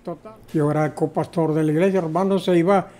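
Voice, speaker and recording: A man's voice: fairly high pitch, fairly even intonation, a little fast, mellow. An older man, telling his personal testimony as an interview guest, hesitant, with many fillers. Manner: storytelling, hesitant with repeated fillers. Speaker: interview guest, former co-pastor.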